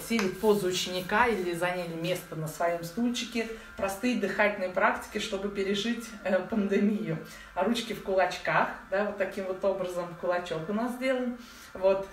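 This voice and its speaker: A woman in her forties giving informal, chatty breathing instruction to beginners, using affectionate diminutives. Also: mid-range voice. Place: living room at home, indoors. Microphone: phone or camera set a little way off. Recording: echoey room, distant mic, faint noise.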